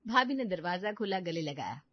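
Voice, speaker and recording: A woman narrating a domestic family story in an expressive storytelling manner. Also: on the low side, normal speed, no echo. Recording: dull dry lo-fi recording.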